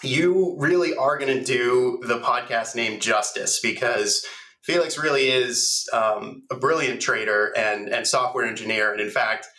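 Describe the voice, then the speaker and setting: A male podcast host speaks conversationally at a medium pitch. The recording has a metallic, tin-can tone with noticeable echo, as captured by a backup device rather than a close microphone. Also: unhurried, pushed and bright. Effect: tinny, metallic tin-can sound. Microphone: backup device, not the close microphone.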